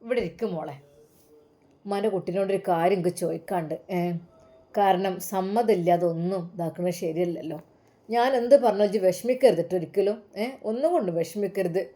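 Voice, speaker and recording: A woman's voice: medium pitch, fairly quick, mellow, lightly acted. A woman voicing a kind, coaxing older mother in a dramatized story reading, speaking with a Malappuram Malayalam accent in a soothing, chatty way.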